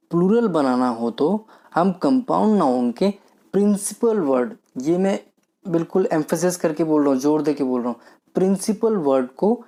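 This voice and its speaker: A man teaching a grammar lesson in a mellow, relaxed voice. He poses questions and answers them himself. He slows right down whenever he reads out an example sentence. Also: on the high side.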